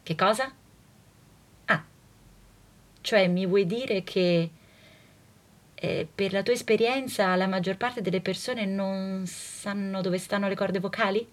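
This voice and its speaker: A woman singer, delivering a theatrical, animated comic monologue. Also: mid-range voice, slow, long pauses.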